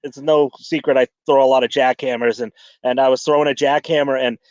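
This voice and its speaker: A man's voice: medium pitch, steady tone, a little fast, a little mellow, no room sound. A man chatting casually on a fishing podcast, rambling with many restarts and fillers. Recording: dull lo-fi dry sound.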